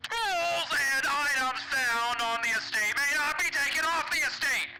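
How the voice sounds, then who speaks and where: A man puts on a stately old gentleman whose letter crackles out as if played on an old gramophone. The voice is very bright and cutting, and the reading runs formal and measured, with lively rises and falls in pitch. Faint music plays behind him. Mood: solemn. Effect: old gramophone-style filter. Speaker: streamer reading a game letter.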